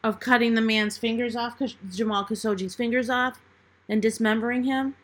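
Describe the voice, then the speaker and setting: A woman in casual conversation, asking questions and reflecting in a soft voice. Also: on the high side, steady tone, normal speed.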